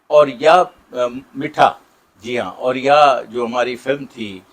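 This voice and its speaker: A middle-aged actor with a Saraiki accent, answering interview questions in a warm, grateful way with many pauses. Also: male voice, mid-range voice. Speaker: Saraiki drama and film actor.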